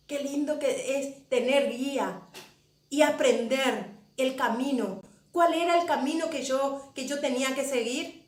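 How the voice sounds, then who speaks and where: A woman pastor giving an emotional testimony sermon, often repeating phrases for emphasis. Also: high-pitched. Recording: echoey room.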